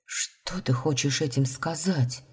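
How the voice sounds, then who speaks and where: A woman's voice: low-pitched, slow pace, slightly rough, heavily acted. A woman reading the lines of a desperate, heartbroken young heroine, pleading and tearful. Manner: pleading, tearful, rising to outbursts.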